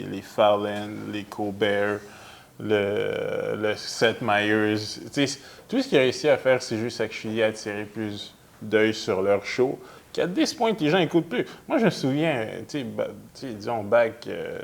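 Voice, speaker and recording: A man's voice: fairly low pitch, creaky. A man, co-hosting a podcast in casual, hesitant chat with English mixed in. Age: 20s. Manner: hesitant, restarts often, mixes in English. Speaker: podcast co-host.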